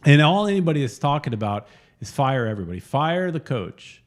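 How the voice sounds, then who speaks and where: Lively joking man co-hosting a podcast. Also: on the high side, brisk. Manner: joking, animated storyteller. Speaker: co-host. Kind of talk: casual podcast chat.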